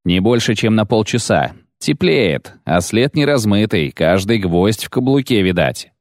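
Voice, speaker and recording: A man reading aloud, voicing an old, superstitious male tracker who talks slowly and uneasily in a rustic way. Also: on the low side, very animated, no room sound, studio quality. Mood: tracking.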